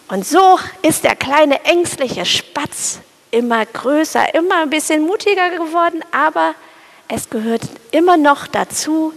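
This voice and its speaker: A woman tells a children's story, turning often to her young listeners with questions. Her voice is high with a gravelly, creaky texture, friendly and unhurried in the way of a storyteller.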